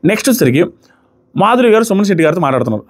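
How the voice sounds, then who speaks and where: A man giving casual, animated commentary on a reality show and acting out the contestants' quoted lines. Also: high-pitched, very fast.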